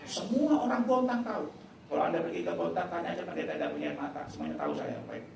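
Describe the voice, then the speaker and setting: A male pastor from Indonesia preaches with a lively, swooping voice and a gravelly edge. He talks quickly and acts out the lines of the people in his story. The sound is very echoey and distant, like a large church hall heard from back in the room, with faint noise behind it. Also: fairly high pitch. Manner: animated storytelling, acting out dialogue. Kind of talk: sermon.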